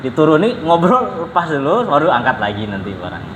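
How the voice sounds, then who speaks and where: A man leads an Arabic lesson for a class of adults, patient and repetitive, stretching out each drill phrase so the class can copy it. His voice sits a little high and rings around a reverberant classroom, with faint noise behind him. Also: very animated. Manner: patient, repeats drills slowly, drawn-out question intonation. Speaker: Arabic teacher. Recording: echoey room with faint background noise.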